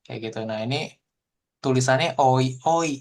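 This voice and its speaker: Guy teaching japanese online, laid back, lots of fillers, mid pitch. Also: measured pace, a little hiss or hum. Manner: explains in relaxed casual Indonesian with frequent fillers. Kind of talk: online class lesson.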